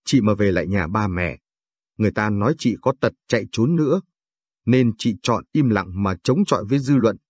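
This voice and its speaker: A man voicing a meek, self-blaming pregnant young wife in a storybook reading, softly reassuring. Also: on the low side, expressive, normal speed, husky, no room sound, clean studio sound. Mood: resigned. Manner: soft, resigned reassurance.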